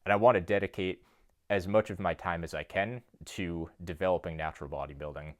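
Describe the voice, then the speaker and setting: A young man talking to camera in his home basement gym, earnest and self-described monotone, filmed on a phone. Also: low voice, brisk. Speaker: fitness YouTuber and coach. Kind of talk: casual talk to camera.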